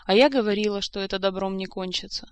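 A woman's voice: mid-range voice, quick pace, clear, resonant tone, no room sound, natural voice. A woman reading the lines of an indifferent, mocking young court lady who drawls lazily. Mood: drawling. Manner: drawling, lazy.

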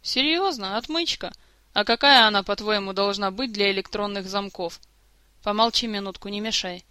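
A woman voicing a grumbling, sarcastic male jester and thief in an audiobook story, gruff and mocking. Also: sits high, normal speed, bright, forceful tone, no echo.

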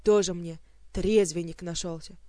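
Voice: medium pitch, fairly even intonation, moderate pace, mellow, dry recording, natural voice. A reader voicing a hungover, irritable male king who snaps sarcastically. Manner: snappish, sarcastic.

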